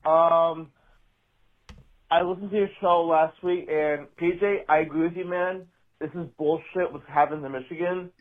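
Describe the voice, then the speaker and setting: A man's voice played back from a voicemail sounds tinny and narrow, like it came over a phone line. He rambles in a casual, exasperated way and swears freely. His voice sits a little higher than most men's. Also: fairly even intonation, normal speed. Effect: played voicemail message. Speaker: voicemail caller. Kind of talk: casual rant.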